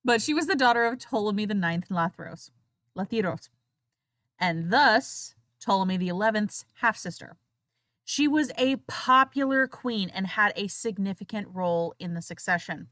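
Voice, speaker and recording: A woman's voice: mid-range voice, expressive, normal speed, fairly bright tone, no echo. A woman co-hosting a history podcast, narrating with sarcastic, indignant asides. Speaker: podcast co-host. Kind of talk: casual history podcast chat.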